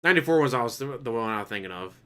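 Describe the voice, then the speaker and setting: A bright, smooth-voiced man giving live reaction commentary, full of sarcastic and mocking asides. His tone is crisp and clear at a middling pitch. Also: expressive, very fast. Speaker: stream reaction host.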